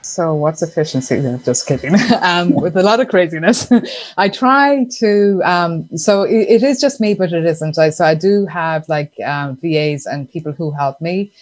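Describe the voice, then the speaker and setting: A woman's voice: fairly low pitch, expressive, normal speed, rough recording. An Irish woman from Ireland, a podcast guest chatting casually about her consulting work, with frequent ums and easy laughs. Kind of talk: casual interview chat.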